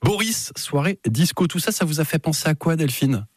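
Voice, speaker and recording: A man's voice: on the high side, lively intonation, moderate pace, husky, no room sound. A man hosting a radio quiz in a studio, jokey and self-mocking as he chats with a caller and co-hosts. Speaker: radio host. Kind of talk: lively radio quiz banter. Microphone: studio microphone.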